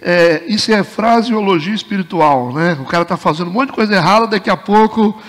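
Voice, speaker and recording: A male pastor leads a verse-by-verse Bible study in a colloquial style. He keeps asking rhetorical questions and acts out the lines he quotes. His fairly high voice rings with a long reverb in the church. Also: fairly quick, a bit bright.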